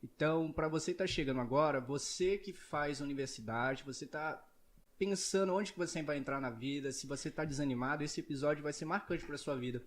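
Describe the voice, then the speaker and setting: A man's voice: fairly high pitch, a little fast. A man hosting a podcast interview, enthusiastic and speaking straight to the listeners as he brings in his guest. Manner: enthusiastic, addresses the audience directly. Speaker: podcast host.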